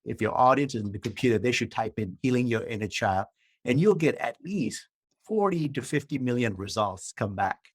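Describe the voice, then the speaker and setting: A man's voice: mid-range voice, lively intonation, moderate pace, slightly rough, dry recording. A middle-aged man from Malaysia, a guest author and coach explaining his ideas in a podcast interview in a structured way, often checking in with "right?".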